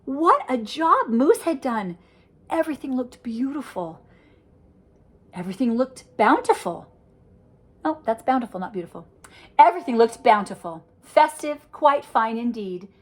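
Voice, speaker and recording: Slightly slow and on the high side, an older woman reads rhyming lines from a picture book to children, lively and sing-song, chatting now and then about the pictures.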